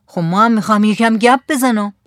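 A woman's voice: a little high, no room sound, studio quality, close to an everyday voice. A woman voicing a hungry, eager poor village man in a storybook reading.

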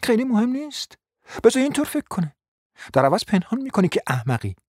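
A bossy, contemptuous woman, put on by a male reader, snaps commands in a raised, husky voice that leaps up and down. The recording is dry and close, like an audiobook read in a dead room. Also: big pitch swings, no room sound, exaggerated voice. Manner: shrill scolding, sharp commands and insults. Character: domineering scornful middle-aged woman, bossing her husband. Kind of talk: audiobook dramatic reading.

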